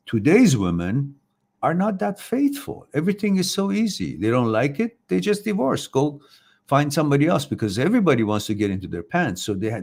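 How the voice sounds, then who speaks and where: Speaking at a medium pitch with a slightly mellow tone, a man runs a live chat where he reads out questions from viewers. His advice wanders and carries strong opinions. When he quotes someone, he performs their voice.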